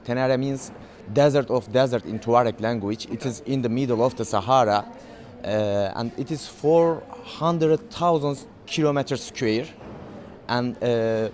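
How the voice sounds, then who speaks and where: A man with a Turkish accent speaks English as a second language in an outdoor festival interview. His voice sits at a middling pitch, and he talks haltingly, with frequent "uh"s and restarts as he looks for words. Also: darkish tone, a little hiss or hum. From Turkey. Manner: hesitant non-native English, many fillers and restarts. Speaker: documentary filmmaker.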